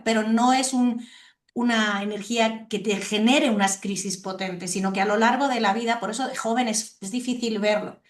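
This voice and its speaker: A woman's voice: a little high, reverberant. A woman interviewer in a reflective conversation, thoughtful, searching for her words with small restarts.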